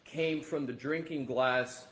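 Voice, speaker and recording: A man's voice: medium pitch, steady tone, slow pace, a bit bright. A man working as a lawyer, putting formal questions in court. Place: indoor courtroom. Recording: echoey courtroom, faint noise.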